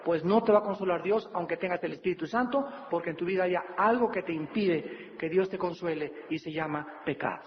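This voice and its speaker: A man preaching a sermon as a pastor, animated, acting out pleading voices of troubled people. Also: high voice, brisk, hardly any pauses, a little hiss or hum. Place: church or studio hall. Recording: dull reverberant hall recording.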